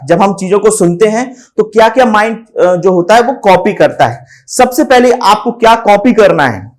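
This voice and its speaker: Male English tutor, high voice, drills pronunciation, frequent check-ins. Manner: repetitive, drilling pronunciation examples; checks in with "theek hai na?". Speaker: English-speaking teacher. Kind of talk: spoken English lesson in Hindi.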